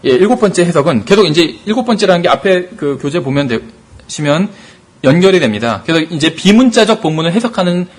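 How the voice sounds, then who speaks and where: A man teaching a Bible study, his voice a little husky and pitched high. He moves quickly, leaning on rhetorical questions as he explains each point. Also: lively intonation.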